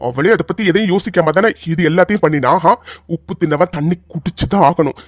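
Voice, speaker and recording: A man voicing a hot-tempered, fiercely loving young hero in a cartoon, rough-spoken and quick to tears. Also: fairly high pitch, no room sound, clean studio sound, lightly acted. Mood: stern. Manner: fiery, rough-spoken, breaks into sobs. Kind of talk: cartoon voice dubbing.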